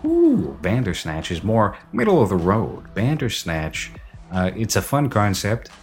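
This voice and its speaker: A low-voiced man hosts a casual film review podcast, rambling, correcting himself and airing strong opinions. His voice rings with reverb from an empty basement. Faint music sits underneath. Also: huge pitch swings, unhurried. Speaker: podcast host.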